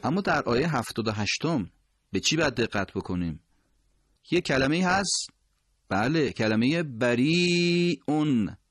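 A man teaching Quran recitation, explaining pronunciation points and slowly drawing out example words. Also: medium pitch, big pitch swings, a bit bright, husky, no room sound, clean studio sound. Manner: slow, drawn-out demonstration of words. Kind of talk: tajwid lesson explaining pronunciation.

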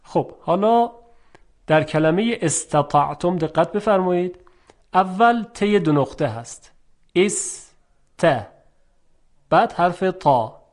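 A man teaching Quranic letter pronunciation in a formal, polite tone, stretching out model words slowly between brisk explanations. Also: high voice, animated. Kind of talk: recitation lesson.

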